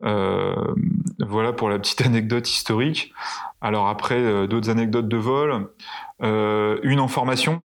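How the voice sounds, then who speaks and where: A man's voice: fairly low pitch, fairly even intonation, measured pace. A male pilot telling flight anecdotes in a casual interview, hesitant with many fillers and restarts. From France. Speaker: pilot guest.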